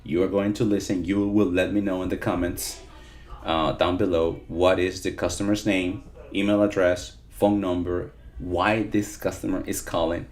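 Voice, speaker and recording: A man's voice: low-pitched, level tone, normal speed, a little mellow. A man teaching a live interactive online lesson, repeating points and often checking in with his listeners. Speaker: teacher of call-centre English.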